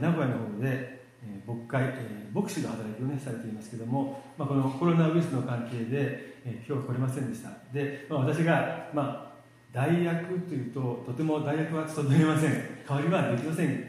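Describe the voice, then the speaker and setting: A man giving a church sermon in a relaxed, self-deprecating, joking way, with many fillers and pauses. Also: mid-range voice. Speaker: lay preacher. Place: church hall. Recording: very echoey hall.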